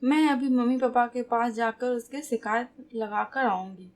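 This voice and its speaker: Brief: a woman doing a young bride-to-be, teary and stubborn, pouting, rather high and slow. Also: steady tone, lightly acted. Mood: upset.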